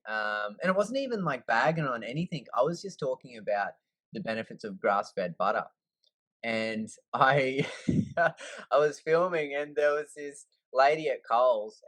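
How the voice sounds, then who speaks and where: An easygoing Australian man chatting as an interview guest, voice sitting at an ordinary middle pitch. He rambles comfortably through his stories with lots of ums, recorded close and dry with no room sound. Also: fairly bright tone, dry recording, rough recording. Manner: laid-back, easygoing, lots of fillers. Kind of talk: casual storytelling.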